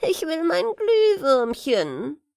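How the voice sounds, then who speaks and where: A woman's voice: extremely high pitch, wildly swooping pitch, takes it slowly, vocal fry, darkish tone, dry recording, clean studio sound, voice pushed up, heavily acted. A woman reading a sad, dying little male beetle who was once a star, in a lamenting, pleading tone. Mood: mournful.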